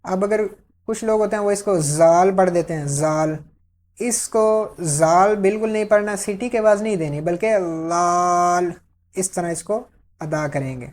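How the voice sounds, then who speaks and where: A woman's voice: mid-range voice, warm tone. A woman teaching Quran letter pronunciation step by step, patiently drawing out each letter for learners to repeat. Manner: checks in with "ٹھیک ہے؟".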